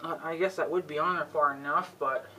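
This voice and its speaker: The slightly high, sharp voice of this male host comes fairly quickly, with fairly even intonation. He demonstrates putting an antenna together casually and ramblingly, folksy, half talking to himself, throat clearing frequently and cussing mildly when exasperated. His homemade recording is noisy and clicky.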